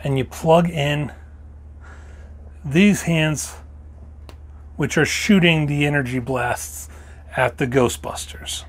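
A man's voice: fairly high pitch, fairly even intonation, takes it slowly, long pauses. A man hosting a toy review, slightly losing his voice, walking through each detail step by step in a casual show-and-tell style.

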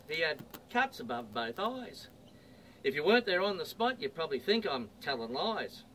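An Australian man rolls through a comic bush poem, his fairly high voice bouncing across a wide pitch range. He is outdoors, and steady traffic noise sits behind him. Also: distant mic, poor audio. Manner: rollicking rhyming delivery. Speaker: bush poet.

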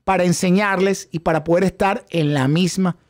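Clean studio sound with no room sound carries this man's high voice at normal speed. He's a trading instructor running a live-streamed class at home, wearing a headphone mic, animatedly chatting with viewers and thanking them for their super chats.

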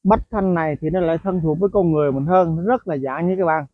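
A man's voice: a little high, fast, a little hiss or hum. A man chatting casually to viewers about songbirds, with frequent fillers and asides. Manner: chatty, addresses viewers often, many fillers. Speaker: bird-keeping video host. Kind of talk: casual explanatory vlog narration. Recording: tinny phone-like dry sound.

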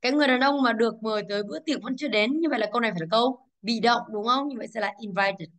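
Brisk scolding Vietnamese teacher woman. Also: a little high, a bit bright. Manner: brisk, scolding, checks understanding with rhetorical questions. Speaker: English teacher. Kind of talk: classroom exam walkthrough. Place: classroom.

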